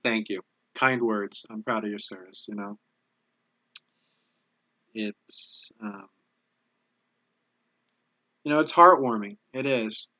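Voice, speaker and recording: A man with a lowish but bright, forceful voice hosts a YouTube live stream, casually reading and thanking viewers for donations. The donations move him easily, and his speech is halting, full of restarts. No echo, but the highs are cut off.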